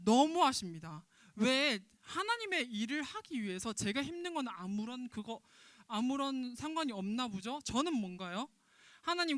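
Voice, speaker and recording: An indignant prophet played by a woman wails his loud, whiny protests in a dramatized Bible story for children. The tone is bright and sharp, and the sound is close and dry with no room around it. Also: fairly high pitch, no echo. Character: indignant, sulking male prophet Jonah.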